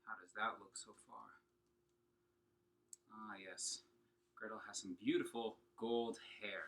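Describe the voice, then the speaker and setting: His voice is fairly low and fairly bright, with fairly even intonation and an unhurried pace. He teaches singing and opera to children at home, keeping the lesson upbeat and encouraging while talking straight to them and asking questions.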